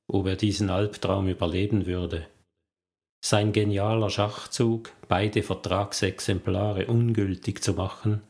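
Slow, low-voiced male narrator. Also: gravelly, darkish tone. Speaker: audiobook narrator. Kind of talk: scripted thriller narration.

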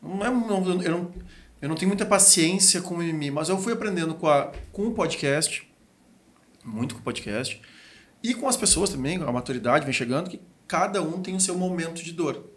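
A man's voice: on the high side, animated, a little fast, fairly bright tone. A man hosting a podcast, giving blunt motivational advice in casual slang. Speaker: podcast host.

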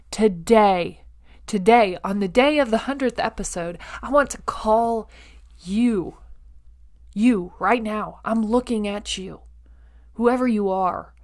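A woman hosts a motivational podcast monologue in a medium-pitched, darkish voice. She speaks straight to the listener, using emphatic phrasing, deliberate pauses, repetition, and rhetorical check-ins.

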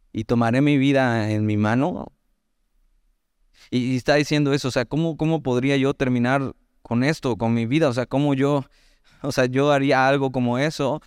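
A Mexican man with a Mexican Spanish accent preaching a sermon, teaching through a Bible passage in a conversational way with lively asides and slow readings of scripture. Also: medium pitch, smooth, no room sound, clean studio sound. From Mexico, Veracruz. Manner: conversational, animated asides, reads scripture slowly.

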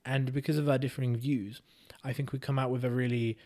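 A man's voice: mid-range voice, little pitch movement, fast, mellow. A man, co-hosting a casual podcast chat in a wry, joking way. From Hungary. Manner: wry, joking, self-deprecating. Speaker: podcast co-host.

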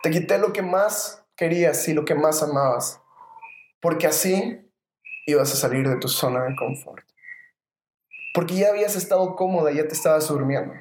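A podcaster voicing a calm, stern man who explains why he took the baby. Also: medium pitch, normal speed, roomy sound, slight background noise, lightly acted.

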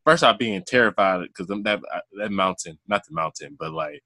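Young male co-host, lowish voice, dry close sound, easygoing rambly delivery. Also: normal speed, no echo. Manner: relaxed, rambling with fillers. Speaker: podcast co-host. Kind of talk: casual podcast chat.

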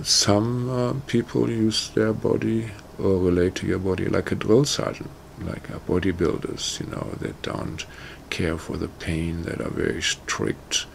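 Slow, gravelly low-voiced man. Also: a little hiss or hum. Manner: halting, many fillers like "you know" and "uh". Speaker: meditation teacher. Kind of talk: casual spoken talk.

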